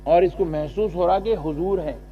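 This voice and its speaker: A man preaching a sermon, telling a story and acting out its dialogue, building to loud emphatic peaks. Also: high voice. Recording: dull lo-fi recording with faint mains hum.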